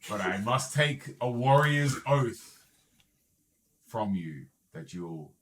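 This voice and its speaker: A man's voice: medium pitch, animated, takes it slowly, a bit bright, voice pushed up, poor audio. Man doing a solemn elderly frost giant. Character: elderly male frost giant seeking honorable death.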